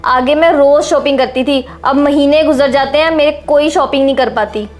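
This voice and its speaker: A woman's voice: high-pitched, fairly even intonation, normal speed, close to an everyday voice. A woman playing a spoiled, bossy young wife. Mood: scornful. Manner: sharp, bossy and complaining. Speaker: daughter-in-law. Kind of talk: short film acting.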